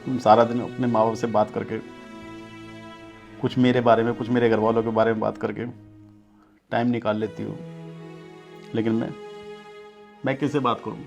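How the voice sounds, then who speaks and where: A subdued, dejected husband with a gravelly voice over clear music. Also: male voice, fairly low pitch, level tone, normal speed, long pauses, highs cut off. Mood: weary. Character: weary young husband torn between wife and family.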